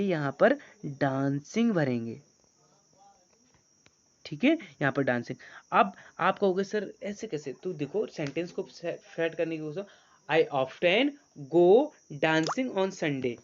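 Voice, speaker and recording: A male teacher leading an online grammar class, coaxing students and reading English sentences slowly. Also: high voice. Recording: dull lo-fi sound.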